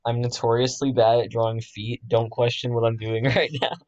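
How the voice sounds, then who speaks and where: A man's voice: medium pitch, little pitch movement, moderate pace, darkish tone, no echo, dull audio. A man chatting casually while he draws, joking at his own expense and laughing often. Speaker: artist drawing on a stream. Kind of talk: casual chat while drawing.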